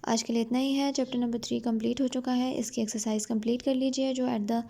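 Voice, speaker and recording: A woman teacher with a Pakistani accent who reads a novel aloud slowly, then explains each line. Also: on the high side, level tone, gravelly, warm tone.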